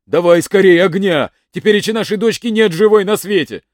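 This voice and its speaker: A man's voice: fairly high pitch, very animated, a little fast, no echo, clean studio sound. A man voicing a fussy, fretful old peasant father in a folk tale, grumbling and exclaiming. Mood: upset.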